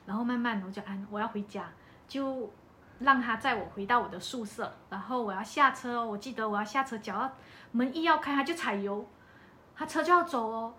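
On a podcast, this woman tells a personal story in a relaxed, chatty way, animatedly performing the lines of dialogue. She has a Malaysian Mandarin accent and a fairly high, brisk voice, with slight background noise behind her.

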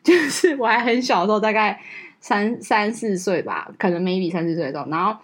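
A woman telling a childhood story in a casual podcast chat, animated and laughing. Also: medium pitch, brisk. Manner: animated storytelling, laughing while quoting curses. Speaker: podcast co-host.

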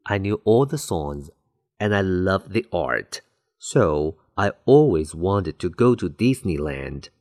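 In a deep, low, slightly mellow voice, a man teaches a bilingual English lesson, explaining phrases clearly and deliberately as if guiding students through a model answer. He is very animated. The sound is dry and close, with no room sound at all.

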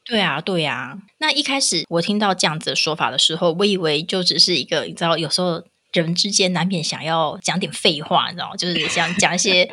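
Female podcast host, Taiwanese Mandarin accent, slightly low voice, casual and opinionated, animated storyteller who voices her quotes. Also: a little fast, hardly any pauses, slightly rough.

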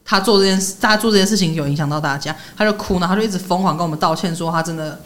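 A young woman, co-hosting a podcast and telling stories in a lively way, laughing often. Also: fairly low pitch, very fast. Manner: animated storyteller, laughs often. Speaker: podcast co-host. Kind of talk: casual chat.

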